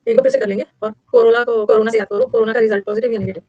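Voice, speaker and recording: Fast-talking energetic woman teacher. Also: dry recording. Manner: energetic, repetitive, with sudden high-pitched emphasis. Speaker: English vocabulary teacher. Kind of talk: classroom lecture drilling vocabulary with mnemonics. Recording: dull lo-fi dry recording.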